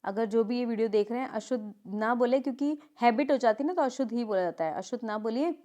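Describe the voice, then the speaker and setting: A woman teaching a grammar lesson, reading example sentences and correcting them with quick asides. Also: fairly high pitch, warm tone.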